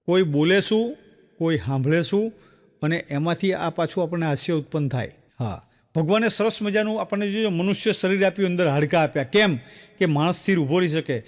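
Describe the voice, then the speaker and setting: A man with a Gujarati accent telling jokes on stage as a stand-up comedian, animated and acting out the voices in his stories. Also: a little high, fairly quick, long reverb tail.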